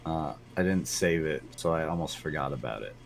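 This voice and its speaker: A man's voice: very deep voice, lively intonation, brisk, gravelly, slight background noise. A man co-hosting a casual podcast, cracking dry jokes. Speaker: co-host.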